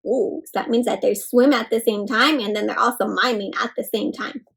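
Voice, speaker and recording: This woman's voice is on the high side, creaky and husky, and she reads a little fast. Sharing a storybook with young children, she gasps expressively and asks them encouraging questions in plain, simple language.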